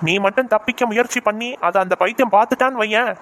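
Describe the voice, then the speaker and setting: A bumbling cartoon kidnapper, voiced by a performer, rambles on at an everyday mid pitch. He explains far too much and comes across as soft-hearted rather than menacing. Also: quick pace, natural voice. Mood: explaining. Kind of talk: cartoon voice acting.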